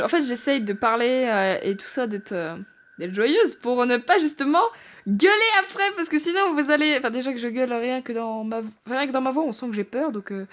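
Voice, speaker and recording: A woman's voice: a little high, dull audio. Jittery young woman playing a horror game. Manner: jokey, frightened, swears and shouts. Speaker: gamer. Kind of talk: horror game let's play commentary.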